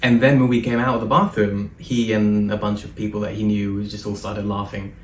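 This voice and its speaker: Earnest man, low voice, echoey room. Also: level tone, brisk. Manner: earnest, hesitant with frequent ums. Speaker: interview guest. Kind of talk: conversational interview. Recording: echoey room, distant mic, faint background noise.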